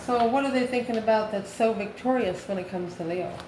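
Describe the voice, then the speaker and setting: Recorded in an echoey room with audible background noise, a tarot card reader from the United States thinks out loud during an informal, improvised reading, posing and answering her own questions. Her voice is a little high and brisk.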